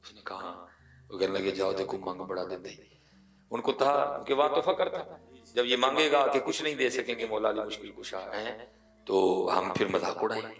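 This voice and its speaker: A man preaching an emotional sermon, telling a story and repeating phrases for emphasis, swinging from hushed to loud. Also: deep voice, vocal fry. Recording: echoey room, voice from far off.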